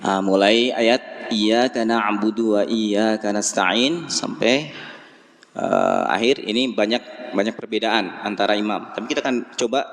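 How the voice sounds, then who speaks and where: A man's voice: lowish voice, expressive, creaky. A man with an Indonesian accent teaching Quran recitation at a dawn mosque class, speaking patiently and counting the group in before they chant. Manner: slow, patient, chants verse lines then leads the group in by counting. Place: large mosque hall. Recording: echoey mosque hall, faint music.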